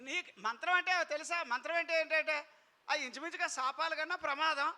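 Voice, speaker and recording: High, bright-voiced preacher, man. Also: fairly quick. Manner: animated storytelling, acting out voices of biblical figures; calls on the congregation to read and answer aloud. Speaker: pastor. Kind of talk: sermon.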